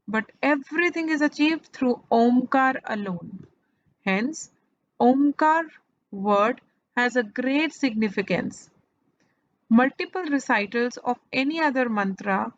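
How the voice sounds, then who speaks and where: Slow-spoken woman narrating scripture. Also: fairly high pitch, fairly bright tone, dry recording, muffled recording. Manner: slow, deliberate retelling with pauses. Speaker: scripture reader. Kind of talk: measured devotional narration.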